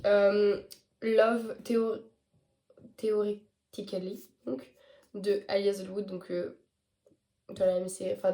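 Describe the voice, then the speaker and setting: A woman's voice: mid-range voice, a little mellow. A teenage girl chatting casually to her viewers, hesitant and a little tired and sick, stumbling over English titles. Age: teens. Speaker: book vlogger. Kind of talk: casual chat to camera.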